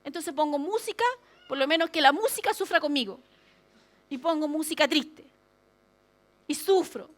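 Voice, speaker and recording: A woman pastor preaching a lively sermon, acting out prayers and complaints with humorous asides. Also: high voice, moderate pace, long pauses.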